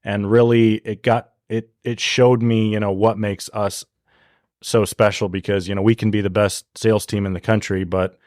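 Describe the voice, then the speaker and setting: A man from a sales team telling work stories in casual chat, relaxed with frequent ums. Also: lowish voice, normal speed, no room sound, clean studio sound. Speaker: inside sales team member.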